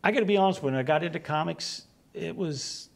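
A West Virginian man in his sixties, speaking with the accent of his home state, tells rambling stories as a comic book writer guest in a relaxed interview on a small studio set, acting out the exchanges he quotes. His voice is a little high, brisk and gravelly, picked up by a lapel microphone.

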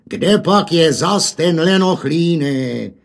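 A man voicing a gruff, irritable farmer father with a Hanák dialect, loud and scolding. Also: a little high, animated, pitched above the performer's own voice. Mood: angry scolding.

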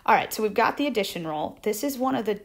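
A woman's voice: mid-range voice, lively intonation, quick pace. Lady walking thru math slides in a recorded lecture, chatty, says "all right" and "right?" a lot. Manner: conversational, repeats key points, frequent "all right" and "right?". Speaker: math instructor.

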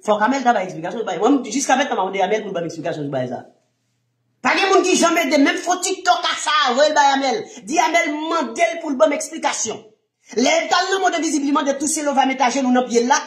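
Emphatic Haitian preacher in an echoey room. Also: male voice, lively intonation, fast. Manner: emphatic, full of rhetorical questions, shifts from low murmurs to shouts. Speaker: minister and Bible teacher. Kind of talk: impassioned sermon teaching.

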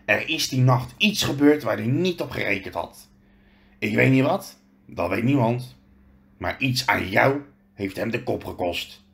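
A man reading a storybook aloud, voicing a huge, gruff but kindly male half-giant who tells his story with earnest hesitation. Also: mid-range voice, animated, measured pace, a bit bright.

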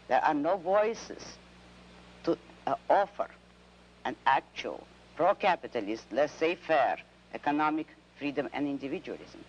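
A man speaking slowly and emphatically in an archival clip. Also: a little high, animated, lo-fi sound, slight background noise.

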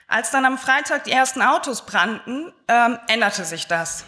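A woman's voice: on the high side, pushed and bright. A young adult woman giving a live conference talk, chatty and conversational with frequent filler sounds. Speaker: conference speaker.

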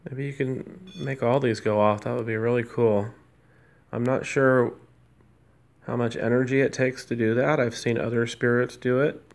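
A man's voice: medium pitch, flat delivery, moderate pace, creaky. A man politely coaxing spirits with hesitant questions during a paranormal session in a hotel room. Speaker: amateur paranormal investigator. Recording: loud noise over the voice.

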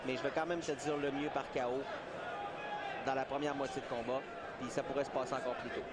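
A man's voice: mid-range voice, little pitch movement, fairly quick, heavy background noise. A man with a Quebec French accent giving colloquial, explanatory boxing analysis as live commentary. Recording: very loud arena crowd behind. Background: arena crowd.

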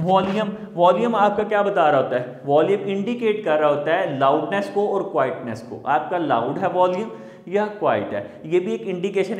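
A man giving a recorded lecture, explaining points and repeating them as he checks in with the listener. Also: high-pitched. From Pakistan. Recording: echoey room with long reverb.

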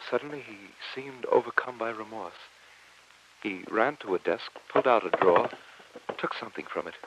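Professor Arnaud, grave muffled narrator. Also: male voice, fairly low pitch, animated, moderate pace, a bit bright, slight background noise. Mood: grave, horrified. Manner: formal, dramatic, descriptive. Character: grave, observant male professor narrating his ordeal. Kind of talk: old-time radio drama narration. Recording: muffled old radio recording.

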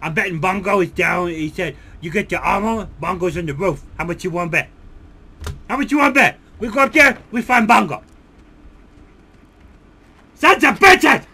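A man's voice: lively intonation, normal speed, long pauses, sharp tone, heavily acted. A man voicing Steve, a dim, hot-headed character who talks about himself in the third person and curses while playing a game. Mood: excited. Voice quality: high creaky voice, cursing, third-person talk. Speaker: gameplay commentator. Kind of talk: let's play commentary.

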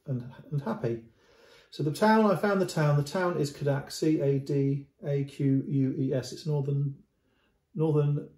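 A middle-aged man with a mellow, relaxed voice talks through a painting for the camera, unscripted, with frequent repeated words and restarts. He is filmed at close range indoors, and the room gives his voice a noticeable echo. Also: mid-range voice. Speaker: antiques dealer. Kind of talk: casual video commentary on a painting. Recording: roomy echo.

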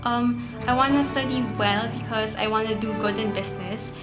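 A woman's voice: fairly high pitch, steady tone, fairly quick. Hesitant young Filipino woman over music. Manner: self-conscious, hesitant, with fillers. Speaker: student interviewee. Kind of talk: street-style video interview. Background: loud music.

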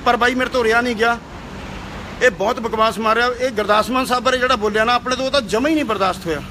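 A young man delivers a heated, scolding video rant in a high, bright voice. He repeats his points with force as he talks straight to his viewers. Faint noise sits behind him. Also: very fast. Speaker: actor and singer.

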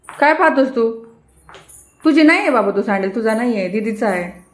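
A young woman speaks in a high, singsong baby-talk voice at home. She questions and prompts a toddler and scolds gently now and then. The room is echoey. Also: animated, moderate pace. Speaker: mother and vlog host.

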